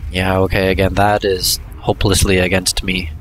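A man giving casual let's-play commentary, thinking aloud in an unhurried way with hesitant asides. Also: deep voice, monotone, fairly bright tone, a little hiss or hum. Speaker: gameplay commentator.

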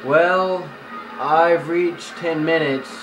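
This gaming video host, a young man with a fairly high, steady voice, stretches out his words as he clowns through a playthrough with sing-song lines and silly sounds. A camera records him indoors in front of a TV, and the room's echo carries the game music coming from it.

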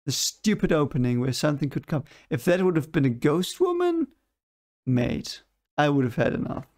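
Talking casually into a desk microphone at home, a young adult man reacts to clips he considers fake, sounding skeptical and dismissive while occasionally searching for words. His higher-leaning voice has a darkish tone, big pitch swings and a normal speed.

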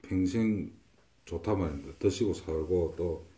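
Over slight background noise, a man with a low-pitched, mellow voice reads fortunes for a client. He speaks a little slowly, pronouncing his predictions with confidence and repeating them.

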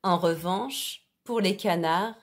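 Slow-reading woman storyteller. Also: fairly low pitch. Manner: slow, clear and expressive.

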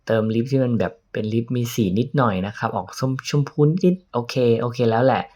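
A playful, chatty man talks through his daily makeup routine in a relaxed vlog. He keeps a middle pitch and jokes at his own expense as he goes. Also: fairly quick. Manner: playful, chatty, laughs at himself. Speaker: makeup vlogger. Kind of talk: casual makeup tutorial vlog.

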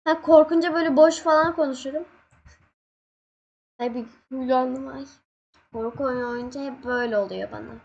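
High-voiced excitable young woman gamer. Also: fairly quick, vocal fry, long pauses, muffled recording. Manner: excitable, laughs and yelps when scared. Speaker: gaming channel host. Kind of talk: casual gameplay commentary.

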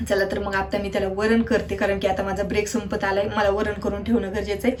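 A young woman chatting casually through a home vlog, talking softly and rambling about her day as a mother. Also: mid-range voice, level tone, fast. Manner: chatty, soft-spoken, rambling asides. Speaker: vlogger and mother.

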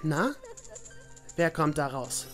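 A woman commenting on her own video game play in a chatty way, talking to her viewers and cursing the enemies. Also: medium pitch. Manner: chatty, addresses viewers as "ihr Lieben", mild swearing at enemies. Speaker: let's player.

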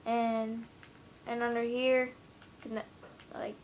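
A woman with a highish voice speaks slowly and levelly over slight background noise. She's a gamer showing off her game build in a casual walkthrough, rambling and hesitant with many fillers, seated in front of the TV in a room at home while a handheld camera records the screen.

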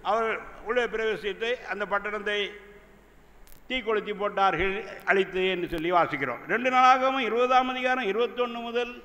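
An older man preaching a sermon from a church conference stage into desk microphones. He teaches slowly from scripture and reads verses aloud. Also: high voice, pushed and bright. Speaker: pastor. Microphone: two desk microphones. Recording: long hall reverb.

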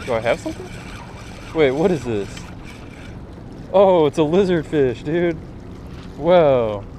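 A man's voice: a little high, animated, slow pace, warm tone. Boyish young man fishing, noisy outdoor sound. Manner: boyish, slangy, exclamatory. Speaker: fishing vlogger. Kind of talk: casual excited commentary while fishing. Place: outdoors on a rocky jetty by the water. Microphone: action camera worn on the body. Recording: noisy outdoor action camera by water.

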